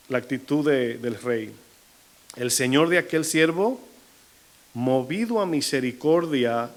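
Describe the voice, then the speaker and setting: A man preaching a sermon in Latin American Spanish as pastor, asking the congregation questions and slowing down to stress key points. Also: on the high side. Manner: shifting pace, slowing to stress figures.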